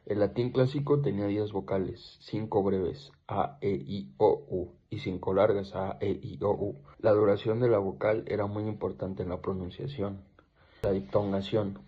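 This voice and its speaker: Man student presenter, halting reading, husky voice, dull lo-fi sound. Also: fairly low pitch. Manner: reads in short halting pieces.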